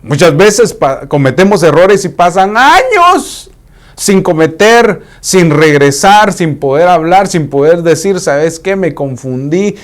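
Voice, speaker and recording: A man's voice: high-pitched, slow. A man preaching a sermon, acting out Bible scenes in different voices. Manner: animated, acts out scenes in voices.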